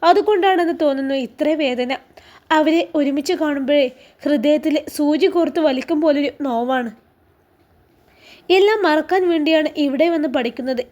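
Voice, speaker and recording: A woman's voice: sits high, moderate pace, darkish tone, close to an everyday voice. A woman voicing a heartbroken, tearful young woman student, speaking with a Malabar Malayalam accent and a pleading, trembling manner. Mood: sorrowful. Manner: sad, pleading, trembling lips.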